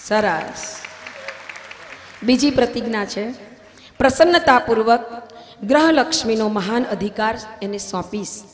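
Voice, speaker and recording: A woman's voice: a little high, expressive, measured pace, pauses often, some chatter behind. A woman officiating a wedding at a religious gathering, reciting vows and preaching with emphatic, swelling delivery. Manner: emphatic, swelling louder on key points. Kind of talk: ceremonial vow recitation and preaching. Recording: long hall reverb, faint music.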